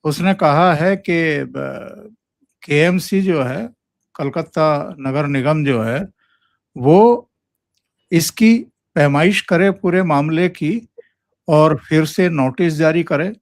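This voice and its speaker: Man, host, slow deliberate delivery, fairly high voice, dry close sound. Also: no room sound. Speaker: show host. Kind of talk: conversational political discussion.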